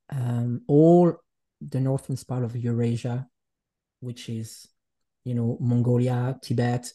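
A man from Switzerland talks as a guest in an unhurried conversation. His voice sounds dark and mellow. He often pauses and hunts for the right words. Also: medium pitch. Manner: reflective, searching for words, speaks English as a second language. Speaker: guest artist. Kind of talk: casual conversation.

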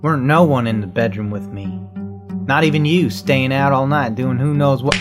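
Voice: medium pitch, a little fast, lightly acted. A bitter, defiant frontier wife, as a performer puts her on. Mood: weary. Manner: weary, bitter, pushes back hard. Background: guitar music.

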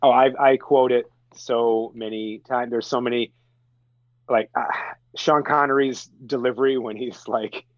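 A man's voice: medium pitch, steady tone, a little slow, dry recording, lo-fi sound. A man guest on a podcast, chatting casually about movies, laughing often and acting out quotes. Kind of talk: casual film chat.

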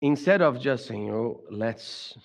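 At a church gathering, a middle-aged Brazilian speaker with a Brazilian Portuguese accent reflects aloud, often faltering over repeats and fresh starts. He's medium-pitched and creaky, with lively intonation and a slow pace, all echoing in a long hall reverb.

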